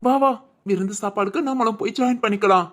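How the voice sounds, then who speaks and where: A voice actor playing a caring young husband in a cartoon, who gently teases and coaxes his wife. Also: mid-range voice, fast talker, natural voice. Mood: tender, reassuring. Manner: gently teasing, coaxing. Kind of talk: cartoon voice acting.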